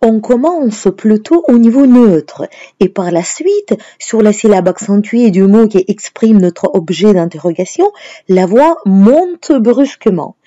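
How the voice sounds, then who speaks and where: A woman teacher narrating a scripted lesson in a clear, explanatory way. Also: medium pitch, lively intonation, measured pace, warm tone, no room sound, dull audio. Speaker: language teacher.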